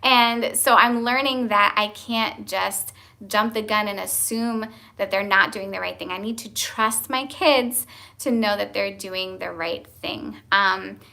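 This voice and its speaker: Bright-voiced chatty young mom. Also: female voice, medium pitch, fairly even intonation, unhurried, vocal fry. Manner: chatty and candid, laughs often while telling stories. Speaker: homeschooling mom vlogger. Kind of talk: casual chat.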